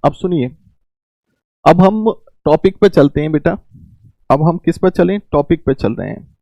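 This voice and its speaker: A man whose voice is a little high, warm, and touched by vocal fry speaks at a measured pace with no echo, though the mic sounds dull and lo-fi. Teaching an online exam coaching class, he offers fatherly advice, calls his students "beta," and repeats his points to drive them home.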